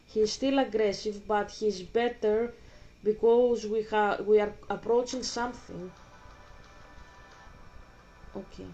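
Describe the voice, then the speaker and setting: This woman's mid-range voice carries a Greek accent from her native Greek as she plays a video game and talks through it casually, speaking slowly with long pauses. A blunt gaming vlogger, she swears a lot and rants animatedly, while the recording has its highs cut off and faint music behind her.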